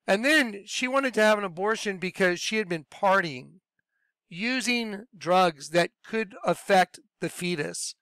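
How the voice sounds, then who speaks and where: A man's voice: high voice, expressive, a little slow, pushed and bright, smooth, dry recording. A man earnestly telling his personal story as a religious testimony, often acting out what people said. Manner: earnest, acts out quoted dialogue.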